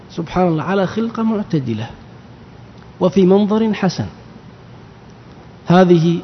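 A man's voice: high-pitched, a little hiss or hum. A man giving a religious lesson on scripture, explaining patiently and quizzing his listeners. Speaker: teacher of Quran exegesis. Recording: dull recording with long reverb.

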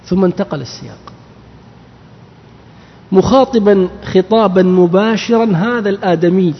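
A man's voice: high-pitched, normal speed. A man giving a religious lesson on scripture, explaining patiently and quizzing his listeners. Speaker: teacher of Quran exegesis. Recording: dull recording with long reverb.

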